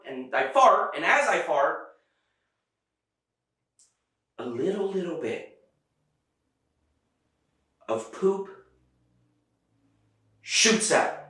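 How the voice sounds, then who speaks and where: Male comic, twenties, higher-pitched voice, theatrical storyteller with dramatic pauses, very echoey sound. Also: a bit bright. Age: 20s. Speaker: stand-up comedian. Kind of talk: stand-up comedy storytelling. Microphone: handheld microphone. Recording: very echoey, somewhat distant sound.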